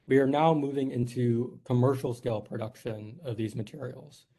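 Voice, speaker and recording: A man's voice: medium pitch, steady tone, moderate pace, dark tone. A man from New York, a company executive giving a formal presentation at a board meeting, earnest and polite, with frequent "uh"s. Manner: earnest, filler-heavy, polite.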